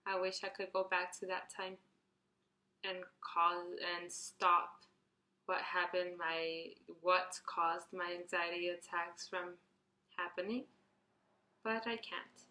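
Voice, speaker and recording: Young woman, early twenties, vlogger answering a Q&A, bright chatty tone, echoey room. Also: fairly low pitch, little pitch movement, takes it slowly. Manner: chatty, rambling, restarts and fillers, reads questions out brightly. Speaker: beauty vlogger. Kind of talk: casual Q&A tag video.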